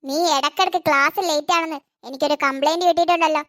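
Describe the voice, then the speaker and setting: A woman's voice: sits high, steady tone, quick pace, bright, forceful tone. Woman voicing a stern cartoon school principal. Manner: stern, reprimanding. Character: strict female school principal.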